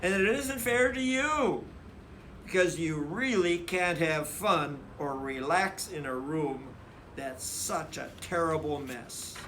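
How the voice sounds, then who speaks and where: A man's voice: a little high, lively intonation, takes it slowly, a bit bright, a little hiss or hum. A man voicing a firm, fair-minded father bear from a children's storybook, with an emphatic, lecturing manner. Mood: stern, exasperated.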